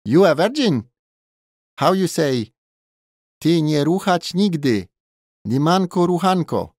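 A man voicing a pushy, grinning male Thai bartender with a Thai accent who speaks broken English loudly and jollily. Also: on the high side, sing-song, slow pace, dry recording, studio quality, voice pushed up, heavily acted. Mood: jolly. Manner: broken English, loud and jolly.

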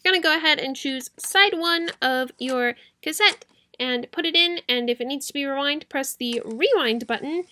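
Speaking at normal speed, this young adult YouTube host has a high, bright, forceful voice. She's a cassette collector giving a casual tutorial from her small bedroom, giggling and rambling as she talks to viewers.

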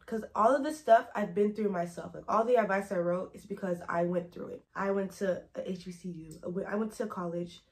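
A woman's voice: mid-range voice, darkish tone. A young college woman talking casually to her camera, rambling and easily sidetracked as she gives advice. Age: young adult. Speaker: vlogger. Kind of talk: casual chatty advice vlog.

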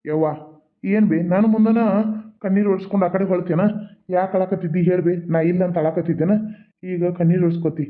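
A grown farmer son in a cartoon, voiced by a man with a North Karnataka accent, asking worried questions and calming his mother. His voice sits fairly high. The sound is thin and phone-like. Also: fast, lightly acted. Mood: concerned. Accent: North Karnataka Kannada. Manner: concerned, soothing questions. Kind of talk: cartoon voice acting.

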